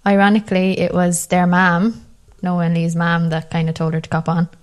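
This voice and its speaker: A woman's voice: lowish voice, level tone, normal speed. A woman with an Irish accent chatting casually about a film, laughing easily and tossing in playful asides. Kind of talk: casual chat reacting to a film.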